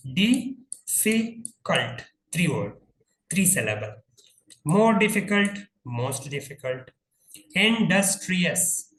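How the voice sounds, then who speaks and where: A man's voice: on the high side, fairly bright tone, echoey room, rough recording. A man teaching an English grammar lesson, spelling words out letter by letter and asking his listeners checking questions.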